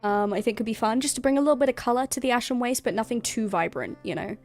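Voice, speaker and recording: A woman's voice: on the high side, quick pace, darkish tone, faint music behind. A woman co-hosting a worldbuilding stream, chatting casually, giggling and thinking aloud with many restarts. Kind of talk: casual brainstorming chat.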